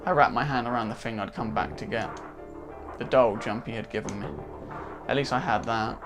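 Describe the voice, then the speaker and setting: A man's voice: medium pitch, fairly quick, music in the background. Man reading game text aloud. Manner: dramatic storybook reading with casual asides. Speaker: let's play host reading narration.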